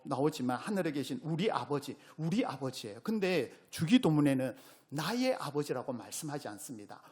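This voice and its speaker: A male pastor with a Gyeongsang accent preaching a sermon, questioning his congregation and rising to loud exclamations. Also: mid-range voice, slightly rough. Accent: Gyeongsang Korean. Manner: call-and-response preaching, asks the congregation questions.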